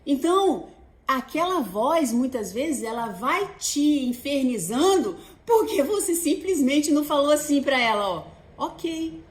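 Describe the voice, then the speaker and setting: Brazilian woman host, high voice, chatty advice talk, echoey room. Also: a little slow. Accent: Brazilian Portuguese. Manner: chatty, animated, addresses viewers as "gente". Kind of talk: casual advice talk to camera.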